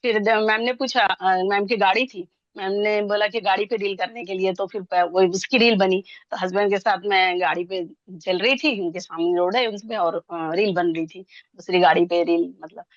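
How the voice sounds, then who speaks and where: A woman in her sixties from India tells her own story in an excited, rambling way, talking fast and restarting her sentences often. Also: mid-range voice, no echo, muffled recording. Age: 60s. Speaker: interviewee sharing her story. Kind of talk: excited personal testimonial.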